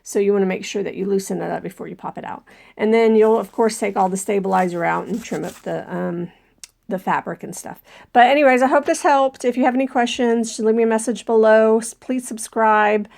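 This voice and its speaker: A woman's voice: medium pitch, a little fast, vocal fry, darkish tone. A woman with a cold, a little out of breath, chatting casually through a hands-on embroidery tutorial with lots of ums as she works her machine. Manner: chatty, many ums, talks while working the machine. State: has a cold, slightly out of breath. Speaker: embroidery channel host.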